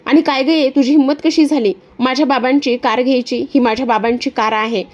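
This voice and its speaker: A woman's voice: sits high, steady tone, a little fast, dull audio, natural voice. A woman voicing a proud young man who speaks firmly and heatedly in a retold story. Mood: angry. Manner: firm, heated.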